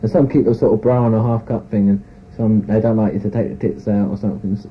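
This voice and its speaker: A man's voice: lowish voice, steady tone, fast talker. A man, giving a frank, rambling personal account in an interview, full of "you know" and "sort of". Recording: tinny phone-like tape recording with faint hiss.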